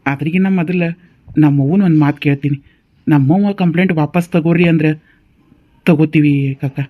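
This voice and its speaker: A man, dubbing a cartoon role. He sounds polite and reasonable. His voice is somewhat high for a man. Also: steady tone, brisk, warm tone. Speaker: voice actor in a cartoon story.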